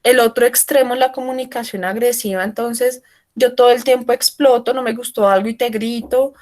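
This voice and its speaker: A woman leads an online training session, speaking up loudly so remote listeners can hear her. Her voice sits a little higher than most, and she explains things patiently, often pausing to check that everyone follows. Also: fairly even intonation. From Colombia. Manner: explanatory, asks frequent check-in questions. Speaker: workshop trainer.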